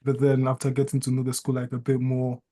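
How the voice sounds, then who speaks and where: Hesitant man with a very flat, mellow voice. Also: mid-range voice. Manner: hesitant, halting delivery. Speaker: master's student. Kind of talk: casual testimonial on a panel chat.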